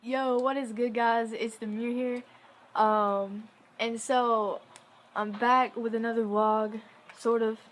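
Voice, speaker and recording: A woman's voice: on the high side, steady tone, slow pace, over music. A young woman telling a story to camera in a casual vlog, chatty and giggly, full of "like" fillers. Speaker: vlogger.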